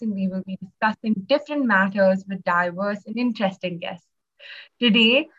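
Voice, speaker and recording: A woman's voice: mid-range voice, a bit bright. Young woman hosting a podcast, dull lo-fi sound. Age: young adult. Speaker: podcast host.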